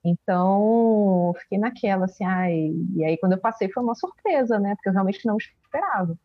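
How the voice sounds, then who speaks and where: A woman, a forensic expert and teacher, telling her story in an interview in a casual, animated way with many fillers. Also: medium pitch, fairly quick, dry recording, lo-fi sound. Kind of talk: interview answers, personal story.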